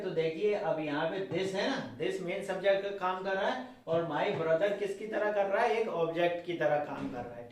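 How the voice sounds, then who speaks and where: A man teaching a grammar lesson. He keeps asking his students questions, answers them himself, and ends lines with a quick "theek hai.". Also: sits high, slight background noise. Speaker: English teacher. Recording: very echoey room, voice from far off the mic.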